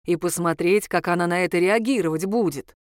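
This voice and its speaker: A woman voicing a calm, knowing male spirit helper who gives dry, unhurried advice. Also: lowish voice, no room sound, close to an everyday voice.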